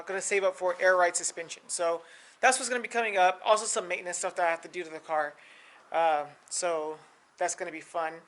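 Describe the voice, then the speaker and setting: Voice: medium pitch, a bit bright, a little hiss or hum. A car vlogger chatting outdoors while hauling gear around, a little out of breath. The talk rambles loosely, full of "uh"s and restarts. It sounds like an easygoing, unscripted vlog caught on a camera mic. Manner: rambling, loose, many fillers. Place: outdoors by a car, prepping a pressure washer.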